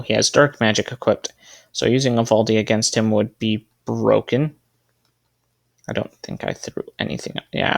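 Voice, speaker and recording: A man's voice: mid-range voice, vocal fry. A man giving casual gameplay commentary, thinking aloud as he sets up a team and correcting himself as he goes. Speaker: gaming video creator.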